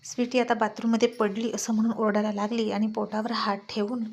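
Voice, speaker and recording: A woman narrating a serialized family story in a steady reading voice. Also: on the high side, fairly quick, lo-fi sound.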